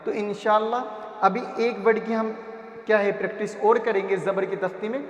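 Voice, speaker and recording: A man teaching children to read letters, sounding out syllables slowly and asking and answering his own questions. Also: high voice, steady tone, muffled recording. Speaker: Quran reading teacher. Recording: echoey room.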